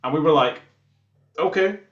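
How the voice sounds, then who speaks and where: A Scottish band guitarist with a fairly high, animated voice chats casually and shares anecdotes at a normal speed as an interview guest. A noisy crowd sits behind him, and the video-call sound is muffled and roomy.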